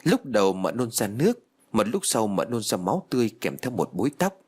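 A man narrating a ghost story audiobook in a dramatic, expressive storytelling manner. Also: fairly low pitch, a little fast, slightly rough.

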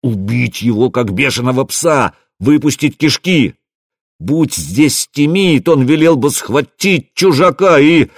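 A man voicing a furious, grieving Viking warrior who shouts shrilly and hysterically. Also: medium pitch, lively intonation, takes it slowly, dry recording, clean studio sound, voice pushed up. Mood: hysterical rage.

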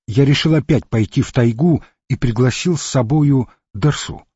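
A man narrates an expedition memoir in a measured, steady audiobook reading. His voice is husky and dark. The recording is dry and dull, with a lo-fi edge. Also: medium pitch, dry recording. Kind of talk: scripted narration of an adventure memoir.

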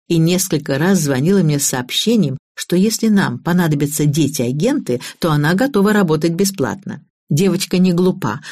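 A woman narrating a first-person audiobook in an even, matter-of-fact way. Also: low-pitched, dry recording, studio quality.

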